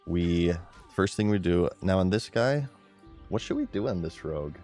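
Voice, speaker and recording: A man giving live gameplay commentary as a streamer, chatty and excitable, talking straight to his chat. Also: sits low, moderate pace, faint music behind.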